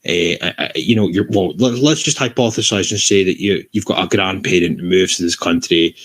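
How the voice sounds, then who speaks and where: A man's voice: sits low, a little fast. A Scottish man hosting a livestream discussion, blunt and swearing, restarting his sentences often.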